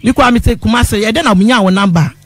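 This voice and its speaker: Calling in to a radio show, this woman speaks fast in a fairly high voice, pleading insistently and addressing the host as "father" again and again. It is an impassioned complaint, and the recording is dry.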